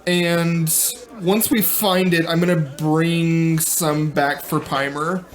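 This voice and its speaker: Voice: medium pitch, fairly even intonation, takes it slowly. A tabletop player bantering smugly in character, with faint music behind. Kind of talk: tabletop role-play.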